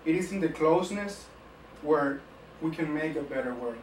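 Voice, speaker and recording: Casting note: fairly high-voiced male host, earnest, echoey distant mic. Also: animated, moderate pace, slight background noise. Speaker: interview host, editor. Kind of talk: scripted opening then interview questions.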